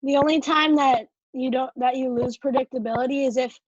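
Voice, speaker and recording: High-voiced female student on a dull call line. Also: steady tone, fairly quick, no room sound. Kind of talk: answering in an online class.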